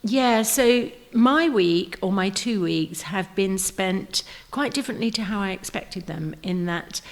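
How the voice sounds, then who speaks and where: A woman's voice: medium pitch, measured pace. A middle-aged woman, co-hosting a podcast as the mother, in a playful, theatrical, rambling chat. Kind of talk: casual chat.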